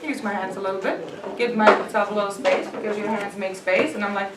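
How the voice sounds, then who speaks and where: A woman's voice: medium pitch, steady tone, fairly quick. A woman coaching a small group on etiquette and presence, talking emphatically and laughing often. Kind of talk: workshop talk to a small group. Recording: roomy and distant with background noise.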